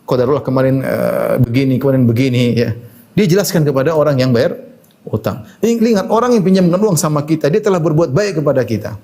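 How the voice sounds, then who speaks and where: Preacher guy, chatty lecture, fills with "ya", kinda high but mellow. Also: animated, fairly quick, gravelly. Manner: conversational, frequent "ya" fillers, quotes Arabic hadith. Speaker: Islamic preacher. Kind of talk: religious lecture.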